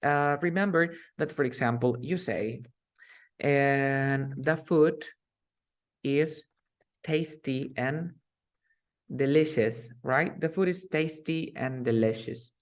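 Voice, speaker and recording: A man teaching an online English class over a video call, explaining slowly and repeating key words. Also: medium pitch.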